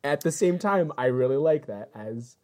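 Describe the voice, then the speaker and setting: A woman's voice: very deep voice, expressive, normal speed, a little mellow. A woman co-hosting a casual chat, rambling a little with "um" and "like" fillers. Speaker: podcast co-host.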